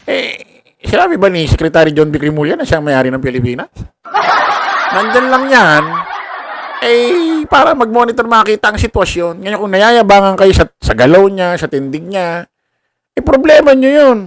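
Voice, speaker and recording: A man talks casually to his viewers in a somewhat high voice. He laughs as he mocks and keeps throwing out rhetorical questions. Faint noise hums underneath. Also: very animated, normal speed. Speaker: commentary vlogger. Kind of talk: casual political commentary.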